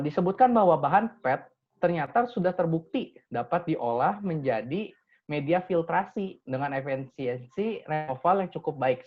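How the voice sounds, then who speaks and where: A man's voice: on the high side, highs cut off. A young man, a student team leader, giving an earnest essay presentation and leaning on frequent filler words as he explains. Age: young adult.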